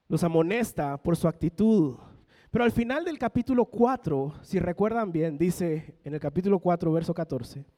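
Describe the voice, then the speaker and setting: A young man gives a sermon from the pulpit, his voice set fairly high. He builds his points with rising emphasis and briefly acts out the people he quotes. The sound carries a long church reverb. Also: dark tone. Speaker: pastor.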